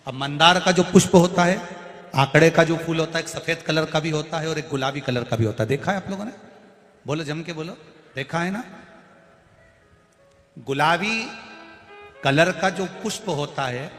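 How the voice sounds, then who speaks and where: A man preaching a devotional scripture sermon to a large gathering, dramatic and emphatic, with sudden swings in loudness. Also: a little high, moderate pace, long pauses, soft background music. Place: large hall before a crowd. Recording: echoey hall with long reverb.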